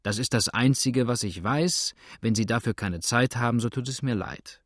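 A man voicing a shrewd innkeeper who speaks calmly, dryly and unhurriedly. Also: mid-range voice, dry recording, close to an everyday voice. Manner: calm, dry, unhurried. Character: calm shrewd older male innkeeper.

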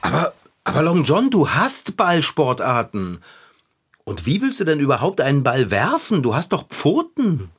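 A man voicing an eager, excitable young bike tinkerer in a children's audio drama, swinging between glee and gloom. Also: fairly high pitch, moderate pace, husky, exaggerated voice. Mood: puzzled.

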